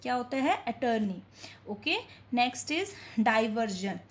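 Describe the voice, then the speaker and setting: Higher-voiced woman teaching. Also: animated, takes it slowly. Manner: asks a question, then answers it herself; addresses viewers as friends. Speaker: English teacher. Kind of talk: classroom-style teaching.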